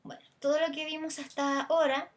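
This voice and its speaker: A Chilean woman gives a recorded language lesson in a somewhat high voice. She walks through examples patiently, drawing out the stressed vowels of words to show them. Her explanation runs along with small hesitant fillers. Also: level tone, brisk. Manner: stretches stressed vowels to demonstrate. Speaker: teacher.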